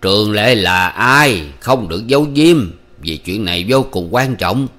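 A man voicing an old man, a former cook, who questions slowly and deliberately. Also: lowish voice, animated. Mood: probing. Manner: slow, probing, deliberate.

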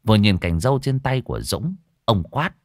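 A man's voice: fairly low pitch, big pitch swings, moderate pace, dry recording, studio quality. A man narrating an audiobook story expressively.

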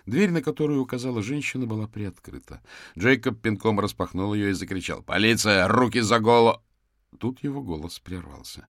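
A man narrates an audiobook in a calm, measured way. His voice sits very low. The recording is dry and close. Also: gravelly, no room sound. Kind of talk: scripted narration.

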